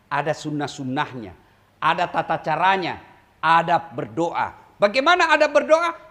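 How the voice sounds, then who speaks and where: A man preaching a lively, humorous sermon to a large gathering, who jokes and mimics regional ways of speaking. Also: on the high side. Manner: animated, joking, mimics regional speech. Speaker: Islamic preacher.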